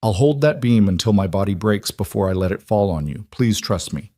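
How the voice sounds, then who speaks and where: Guy doing a big gentle giant, exhausted, low steady voice. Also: a little fast, dry recording, clean studio sound. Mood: desperate.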